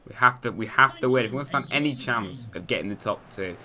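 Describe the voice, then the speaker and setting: Chatty English guy, bright voice. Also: medium pitch, fast talker, a little hiss or hum. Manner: chatty, swings between mumbled asides and excited shouts at goals. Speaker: gaming youtuber. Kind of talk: casual gameplay commentary. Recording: light music behind.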